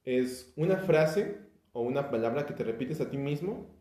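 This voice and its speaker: A young man with a Mexican accent explains an album in a relaxed, halting way. His voice is dark and mellow. The room around him is echoey. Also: medium pitch. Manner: relaxed, hesitant, many fillers and restarts. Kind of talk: casual podcast chat about music.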